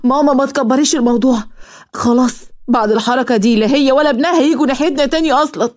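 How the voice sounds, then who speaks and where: A woman's voice: high voice, very fast, darkish tone, voice pushed up, lightly acted. A woman voicing a scheming young woman with an Egyptian accent, sly and innocent-sounding. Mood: defiant. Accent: Egyptian Arabic.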